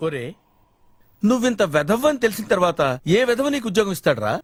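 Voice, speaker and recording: An actor playing a pompous, bad-tempered middle-aged boss and uncle in a film comedy. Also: male voice, high voice, big pitch swings, fast talker, very noisy. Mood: bossy. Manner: pompous, snaps orders. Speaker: bossy employer and uncle.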